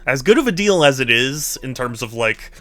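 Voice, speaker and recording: A man streams games and chats casually with viewers. His voice is bright and forward at a middle pitch, and his manner is playful, animated and teasing. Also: moderate pace, no echo, faint music behind. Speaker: video game live streamer. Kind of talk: casual chat with viewers while gaming.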